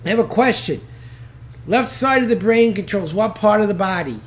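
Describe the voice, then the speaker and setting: An enthusiastic male instructor with a high-pitched voice leads a group exercise. He counts out the reps and urges his listeners to speak with passion. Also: expressive, moderate pace. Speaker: speed reading instructor. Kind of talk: energetic instructional talk leading an exercise.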